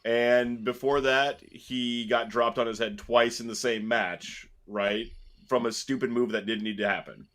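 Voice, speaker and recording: A man's voice: medium pitch, steady tone, measured pace, a bit bright. A man hosting a podcast, talking casually with wry, opinionated commentary and laughing while he makes his points. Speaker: podcast host. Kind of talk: casual chat.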